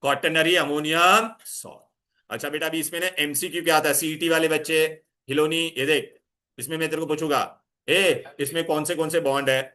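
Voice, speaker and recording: A male chemistry teacher in a classroom, his voice bright and forceful and pitched a little high. He keeps firing questions at his students, coaxing answers and mixing English terms into his talk. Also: steady tone, fairly quick. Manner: mixes Hindi with English terms. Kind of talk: classroom lecture.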